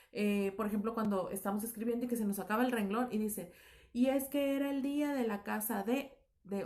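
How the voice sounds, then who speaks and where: Woman teacher explaining a lesson. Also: fairly high pitch. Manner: explanatory, many fillers, self-corrections. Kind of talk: recorded class lecture.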